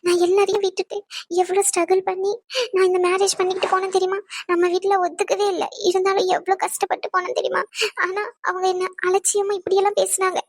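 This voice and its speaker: A woman voicing a young pregnant cartoon wife who is hurt and upset, in a high, small voice. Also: little pitch movement, fast talker, dry recording, studio quality. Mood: tearful.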